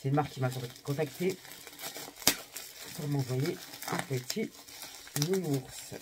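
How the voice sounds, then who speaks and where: Background noise runs under a young woman's low, slow voice. She's a lifestyle vlogger chatting directly with her viewers in a casual vlog, slangy and exclamatory.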